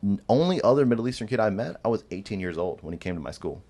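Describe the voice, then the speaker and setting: This podcast guest, an Iraqi-born man in his twenties who grew up in Georgia, speaks with a light Southern accent while recounting his life. His lowish, mellow voice moves very fast with lively intonation, full of "like" fillers, frequent laughter, and rambling.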